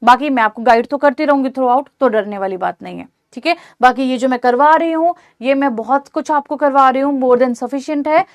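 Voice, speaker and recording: A woman's voice: sits high, dry recording, studio quality. A woman teacher giving an online exam-prep lecture, reassuring her students and checking in often to ask whether they follow. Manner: reassuring, repeats "theek hai" to check understanding.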